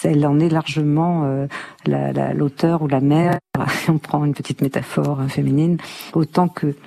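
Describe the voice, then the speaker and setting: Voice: medium pitch, fairly even intonation, normal speed, gravelly, mellow. A guest on a radio program, discussing literature with enthusiasm and often stopping to search for words. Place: radio studio.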